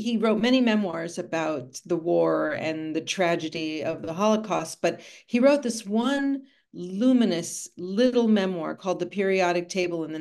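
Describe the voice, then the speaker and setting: A Cuban-born woman in her sixties, an author and art conservator, tells her story at length over a video call from a home room lined with bookshelves. Her voice is fairly low and darkish, and she's thoughtful, with many asides.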